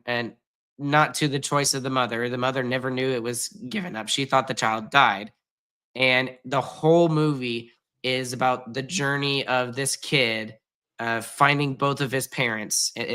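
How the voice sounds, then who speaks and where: A man co-hosts a casual podcast chat, talking like the music teacher he is. His voice is bright and forceful with a smooth, resonant tone. He speaks emphatically and gushes, urging listeners to act. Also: mid-range voice. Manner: emphatic and gushing, urges listeners. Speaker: podcast co-host; junior high music teacher.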